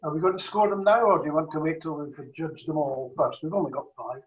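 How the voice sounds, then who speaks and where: A man's voice: on the high side, steady tone, fast talker. Distant echoey man judging cheese. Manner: thoughtful, weighs his words, thinks aloud. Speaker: cheese judge. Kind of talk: casual tasting commentary. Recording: distant, roomy, dull video-call audio.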